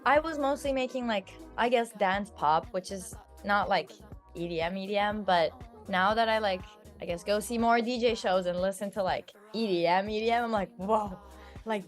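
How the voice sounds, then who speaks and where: A Turkish woman in her twenties, a singer being interviewed, chats casually at a medium pitch and normal speed, her talk full of "like" and "um." Faint music plays behind her.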